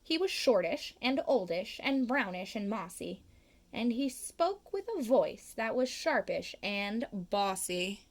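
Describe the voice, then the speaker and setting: Key words get big leaps in pitch as a woman reads a children's picture book. Her delivery is slow and full of expression.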